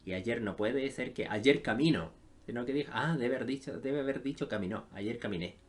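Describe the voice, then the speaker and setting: A male teacher gives a recorded online lesson. His voice sits at a middle pitch for a man. He works through each point slowly and checks in with a quick question. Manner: explains step by step, many "eh" fillers, checks in with "¿ya?". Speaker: English teacher.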